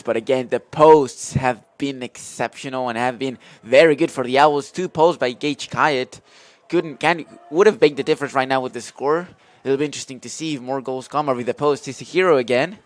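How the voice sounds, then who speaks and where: A man's voice: medium pitch, normal speed, no room sound. A man giving live analysis as color commentator at a lacrosse game.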